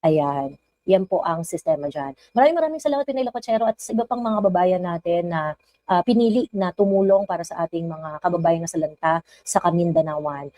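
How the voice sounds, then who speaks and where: A woman's voice: on the low side, brisk, warm tone, no room sound, poor audio. Chatty Filipino woman livestream host. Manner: chatty, code-switching, reads viewer comments aloud. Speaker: live stream host. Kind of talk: casual live chat greeting viewers.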